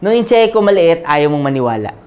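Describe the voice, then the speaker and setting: A man from the Philippines in his forties gives a motivational sales pitch, telling his own story and checking with the audience at every turn. He slips in jokes between points. The recording has a dull, lo-fi sound. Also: very animated, brisk. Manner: storytelling with jokes, often asks the audience "tama?". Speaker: business presenter. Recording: dull lo-fi audio.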